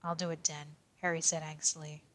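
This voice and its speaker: A woman voicing a quiet young male detective as he reads a fanfic aloud in character, tripping now and then over odd words. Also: low voice, flat delivery, brisk. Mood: deadpan reading.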